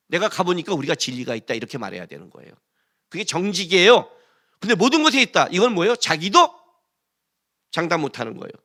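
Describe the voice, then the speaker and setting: Pastor, middle-aged man, lively high-pitched sermon delivery, keeps challenging the pews with questions. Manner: animated, rhetorical questions to the congregation, acts out quoted voices.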